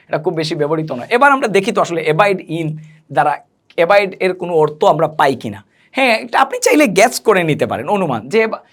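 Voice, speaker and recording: During a spoken English lesson, a high-pitched, somewhat bright-sounding man explains things slowly, spells terms out, and supplies answers to his own questions.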